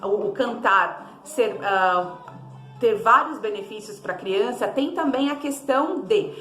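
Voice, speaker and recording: A woman with a Brazilian Portuguese accent giving casual parenting advice to camera, chatty and repetitive, sometimes slipping into a high sing-song voice to show how to talk to a toddler. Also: expressive, unhurried, a bit bright, roomy sound, faint music behind. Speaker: parenting vlogger.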